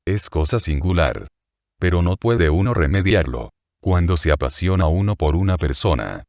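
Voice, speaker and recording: A man voicing a calculating middle-aged male innkeeper who feigns warm affection, in an audiobook reading. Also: deep voice, lively intonation, normal speed, no room sound, lo-fi sound. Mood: falsely tender. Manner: falsely kind, sentimental, calculating.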